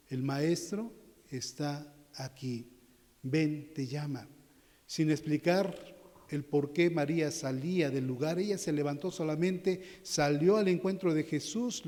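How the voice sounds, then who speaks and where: A man preaches a sermon in a church, his voice sitting a little high for a man. He speaks to the congregation as brothers and climbs in pitch and force as he drives each point home. A long reverb hangs on his words. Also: warm tone. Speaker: pastor. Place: church sanctuary.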